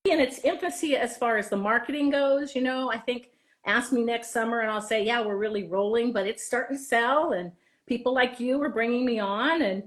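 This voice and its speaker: A woman with a high voice chats at a fairly quick pace as a guest in an interview. She's an author and drama teacher, and her talk is animated and casual, with quoted dialogue acted out as she goes.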